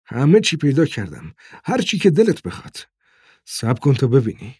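A man's voice: mid-range voice, huge pitch swings, darkish tone, breathy edge, no echo. A man voicing a worn, protective father who reassures his son with urgent, repeated words in an audiobook. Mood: eager.

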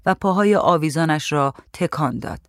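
A woman reading a story aloud in a calm, even voice. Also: low-pitched, dry recording, studio quality. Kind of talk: storybook narration.

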